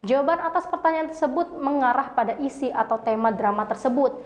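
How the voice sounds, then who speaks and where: A woman's voice: high-pitched, animated, fairly quick. A woman reading a lesson aloud, with frequent slips and self-corrections. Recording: dull lo-fi recording.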